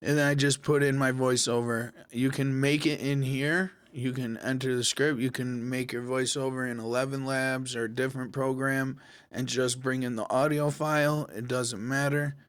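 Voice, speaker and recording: A man hosting a casual software tutorial, talking viewers through each step in a relaxed, conversational way. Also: mid-range voice, normal speed, clear, resonant tone, dry recording. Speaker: tech tutorial host. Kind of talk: screen-recorded software tutorial.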